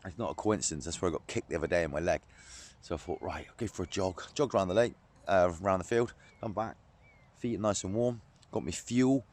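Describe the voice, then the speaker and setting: A young man vlogging to a camera on a tripod while fishing outdoors by a lake. He chats casually, swears and laughs often. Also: sits low.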